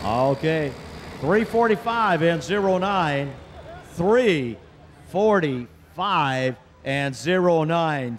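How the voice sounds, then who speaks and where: A man announcing a tractor pull live in a folksy, colloquial way. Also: a little high. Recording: echoing PA with engine noise.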